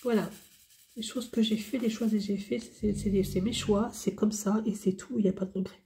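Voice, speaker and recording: Woman vlogger, casual tag-video chat, candid and rambling, relaxed mellow tone. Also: medium pitch, normal speed. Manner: candid, rambling, repeats herself. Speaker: hobby vlogger.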